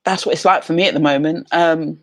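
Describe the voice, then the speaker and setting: A chatty young woman from England hosts a casual livestream, talking to her viewers in a fairly low voice. She rambles, circles back with fillers and restarts, and reads out comments between her own thoughts. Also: steady tone, fast talker. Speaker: livestream host.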